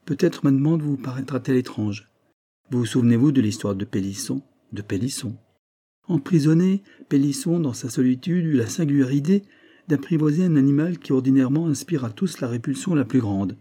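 A man's voice: medium pitch, fairly quick, mellow, husky. A man voicing an emphatic male investigator who lays out the truth of a crime, his voice raised and pressing. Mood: probing. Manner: emphatic, probing, raised and tense. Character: sharp, insistent male investigator unveiling a crime.

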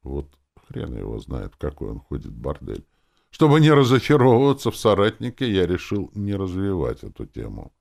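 A man narrates a first-person fantasy audiobook with a wry, expressive read. His voice is very low and gravelly, yet rises and falls with lively intonation. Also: normal speed.

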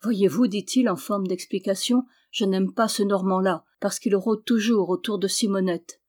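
This woman's mid-range voice is a little mellow, with fairly even intonation, a moderate pace and light acting. She reads an audiobook part as a bashful young peasant suitor, stammering in humble country speech.

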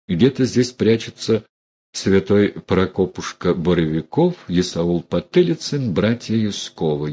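A man reads an audiobook aloud, dramatic and expressive. His low-set voice is dark and mellow, with a husky grain. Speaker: narrator. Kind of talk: audiobook narration.

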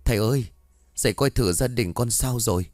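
A man voicing a fussy, excitable middle-aged village man in a spoken ghost story. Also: medium pitch, fairly quick, no room sound, natural voice. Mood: fussing.

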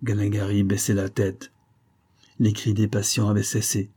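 A man narrating an adventure novel in a measured, dramatic reading. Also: fairly low pitch, level tone, dark tone, slightly rough. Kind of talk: scripted audiobook narration.

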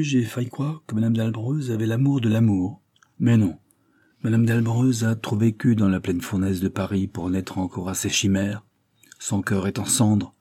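A man voicing a sardonic, worldly young gentleman in a read-aloud novel, with a dry, ironic, measured delivery. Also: on the low side, breathy edge, no room sound.

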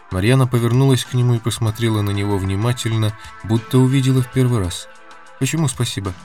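A man narrating an audiobook in a steady, measured reading. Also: on the low side. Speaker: audiobook reader. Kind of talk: scripted narration.

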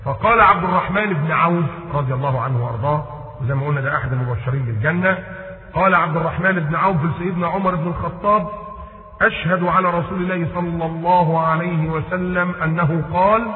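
A man's voice: a little high, quick pace. A man with an Egyptian Arabic accent delivering a religious lecture, telling a story and quoting classical Arabic before explaining it in colloquial speech. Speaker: preacher. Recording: echoey hall on a tinny phone-like line.

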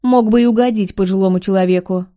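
A woman voicing a brash young mistress who scolds and snipes in a loud, spiteful way. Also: mid-range voice, fast, lightly acted. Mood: scolding.

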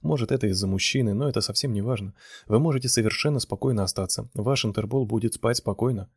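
Stubborn male painter, read by a man, low, husky, exasperated insistence. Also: fast, dry recording, studio quality. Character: flustered stubborn male artist.

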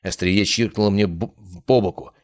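A man reading a first-person fantasy story aloud in a steady, measured way. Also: on the low side, no room sound. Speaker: audiobook narrator.

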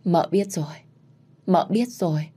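A woman voicing the spirit of a gentle dead woman, who speaks in a pleading, tearful way. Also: fairly low pitch, measured pace, slightly rough.

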